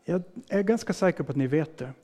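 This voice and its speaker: A man's voice: on the high side, animated, mellow. A man preaching a sermon as a pastor, explaining in plain words and putting questions to his listeners. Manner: casual fillers and restarts.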